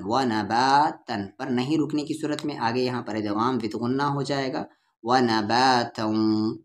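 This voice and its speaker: A man's voice: mid-range voice, slight background noise. A man with an Urdu-Hindustani accent teaching Quran reading, patiently spelling out syllables and drawing out the vowels. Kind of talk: letter-by-letter recitation lesson.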